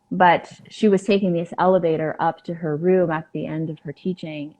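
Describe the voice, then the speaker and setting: A woman guest on a podcast, telling a personal story in an earnest, halting way with many fillers. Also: fairly low pitch, darkish tone.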